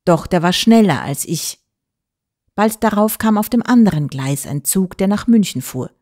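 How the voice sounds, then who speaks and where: A woman reading an audiobook aloud in measured, even storytelling. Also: mid-range voice. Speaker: audiobook reader. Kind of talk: scripted audiobook narration.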